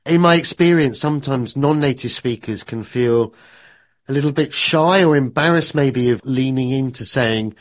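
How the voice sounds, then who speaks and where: A man's voice: medium pitch, normal speed. Conversational male podcast host. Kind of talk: interview questions.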